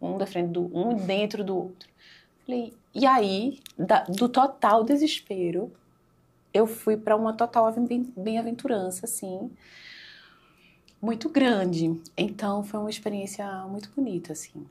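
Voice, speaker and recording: A woman's voice: mid-range voice, measured pace, slightly rough. A woman speaking as a podcast guest, telling an emotional spiritual story in casual conversation, with many fillers.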